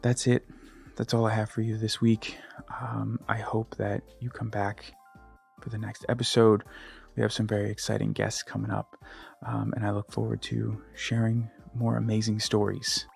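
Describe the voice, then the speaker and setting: A man hosting a podcast interview, thanking his guest and telling a story in a relaxed, chatty way. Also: on the low side, normal speed, creaky, faint music behind. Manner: relaxed storytelling, acts out quoted lines. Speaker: podcast host. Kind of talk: casual interview chat.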